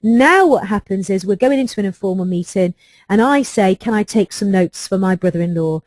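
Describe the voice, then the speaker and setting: A woman's voice: mid-range voice, brisk, a little mellow, no room sound. A middle-aged woman, an HR trainer giving a webinar, recounting a workplace case in an earnest, emphatic way. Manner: earnest, emphatic storytelling with rhetorical questions.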